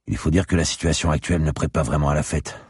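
A man reading a crime novel aloud in a measured, literary way. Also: very deep voice, fairly even intonation, slightly rough, dry recording. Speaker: audiobook narrator. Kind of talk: scripted narration of a crime novel.

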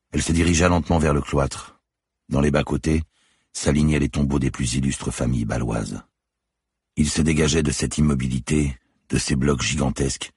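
Very deep husky male narrator. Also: a little mellow, no room sound, studio quality. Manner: measured, suspenseful, deliberate phrasing. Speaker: audiobook narrator. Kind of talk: scripted narration.

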